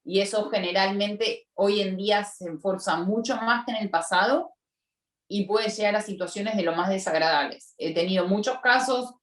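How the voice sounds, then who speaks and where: A woman's voice: mid-range voice, moderate pace, a bit bright. A woman tax lawyer, explaining points emphatically and repeating key warnings on a video call webinar. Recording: echoey room, distant from mic.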